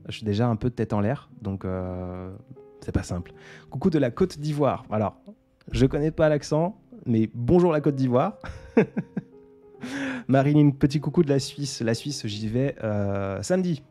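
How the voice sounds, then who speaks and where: A young man talks casually to his viewers during a late-night livestream, reading their comments aloud and answering them. His voice is mellow and soft-spoken, and he laughs easily. Faint music plays quietly behind him. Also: mid-range voice, very animated, a little slow. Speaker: livestream host.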